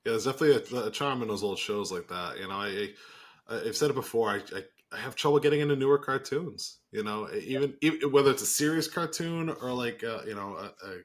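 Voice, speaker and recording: Halting man chatting on a podcast. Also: medium pitch. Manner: halting, repeats words when starting. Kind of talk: casual chat.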